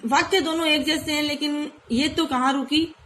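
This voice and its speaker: A woman's voice: high voice, steady tone, moderate pace, a bit bright, slight background noise, poor audio. A woman school teacher giving a recorded class lesson, explaining patiently and often checking that the pupils follow.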